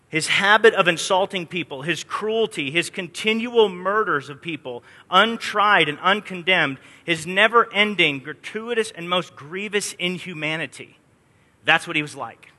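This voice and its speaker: Bright-voiced man teaching Bible study. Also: high voice. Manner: casual storytelling, acting out quotes. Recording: long hall reverb.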